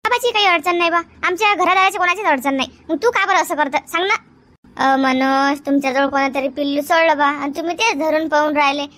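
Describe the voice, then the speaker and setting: A woman plays an anxious village woman. Her voice is high and very quick. She pleads and coaxes the others to calm down. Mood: pleading. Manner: pleading, coaxing.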